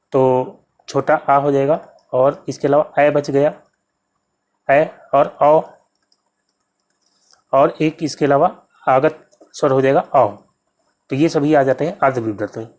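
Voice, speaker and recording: Man, exam tutor, mid pitch, repetitive step-by-step explanations. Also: steady tone, normal speed, a little mellow. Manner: repetitive, addresses viewers as friends. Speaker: exam prep teacher. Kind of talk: explaining quiz answers.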